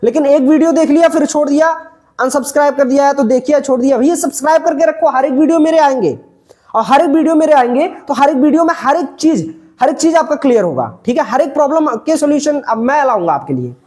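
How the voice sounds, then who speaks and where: Speaking at an extremely high pitch, this man sounds animated and warm as he teaches English pronunciation. He says every word twice, poses the question of what it's read as, answers it himself, and lingers slowly on important sounds.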